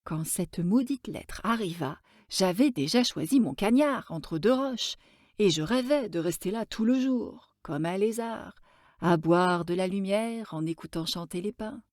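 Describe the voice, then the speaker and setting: Woman reading an old story out loud, slow and tender, dry close sound. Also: mid-range voice, no echo. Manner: gentle, expressive storytelling. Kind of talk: scripted narration of a classic tale.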